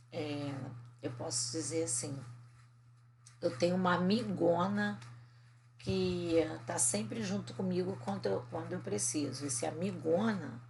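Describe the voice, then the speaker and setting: Slow, low-voiced Brazilian teacher explaining. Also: female voice, a little hiss or hum. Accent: Brazilian Portuguese. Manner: slow explaining with frequent "né?" and "tá?" check-ins. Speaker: Spanish teacher. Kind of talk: recorded remote class lesson.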